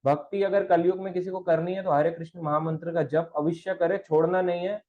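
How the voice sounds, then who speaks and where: A man's voice: high voice, steady tone, a little fast. Emphatic man preaching over a tinny line. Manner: preachy, emphatic, mixes English words into Hindi. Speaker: devotional class teacher. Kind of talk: online devotional class with live Q&A.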